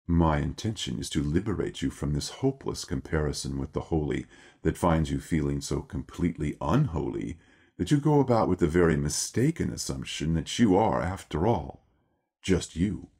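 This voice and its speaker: An electronically disguised Lucifer speaks in an extremely deep, dark, gravelly rumble. He lectures formally and deliberately, with dry irony and a lofty air. The filter gives the voice a husky, dark, unnatural edge. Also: exaggerated voice. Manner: formal, measured, wry and lecturing. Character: Lucifer, a male devil figure, lofty and lecturing. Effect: electronically altered deep voice. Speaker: video producer. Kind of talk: scripted monologue.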